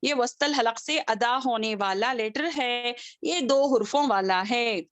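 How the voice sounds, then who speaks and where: A woman, teaching an online Quran recitation class over a video call. She drills letter sounds by repeating them slowly and keeps asking whether her students understand. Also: on the high side, no echo. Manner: checks understanding with frequent questions. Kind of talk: online tajweed lesson.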